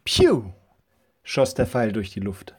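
A man's voice: medium pitch, unhurried. Male pastor, friendly children's host and storyteller. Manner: friendly, addresses children directly. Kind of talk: children's church audio and storytelling.

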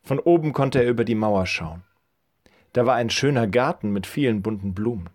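A pastor speaking to children in a friendly, direct way and reading a story aloud. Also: male voice, mid-range voice, expressive, moderate pace, a little mellow. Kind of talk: children's church audio and storytelling.

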